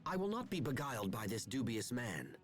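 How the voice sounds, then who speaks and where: A man's voice: mid-range voice, big pitch swings, music in the background, close to an everyday voice. An actor as a stern, solemn young fantasy man. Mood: stern distrust. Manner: formal, grave, deliberate. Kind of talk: video game voice acting.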